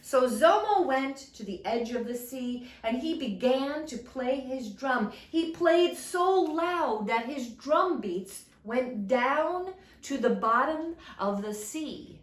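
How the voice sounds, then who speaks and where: Female picture-book storyteller for trickster tales: higher voice, slow, dramatic emphasis, roomy sound. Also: lively intonation. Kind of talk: animated children's trickster tale narration. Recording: roomy echo, mic at a distance.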